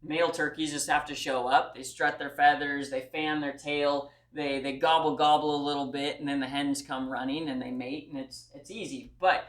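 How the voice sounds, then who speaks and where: A man's voice: on the high side, little pitch movement, normal speed, hardly any pauses, a bit bright. A man giving a class presentation speech in a folksy, earnest way and speaking straight to his audience. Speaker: student speaker. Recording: echoey room.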